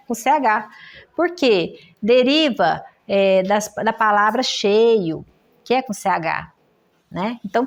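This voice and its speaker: A woman with a Brazilian Portuguese accent teaching a classroom lesson on writing errors, explaining step by step and often checking in with her students. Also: fairly high pitch. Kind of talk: classroom lecture. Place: in-person workshop room.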